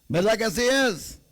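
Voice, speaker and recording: High-voiced, unhurried male preacher. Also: vocal fry, rough recording. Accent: Salvadoran Spanish. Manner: rhetorical questions to the congregation, repeats "amados hermanos". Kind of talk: sermon.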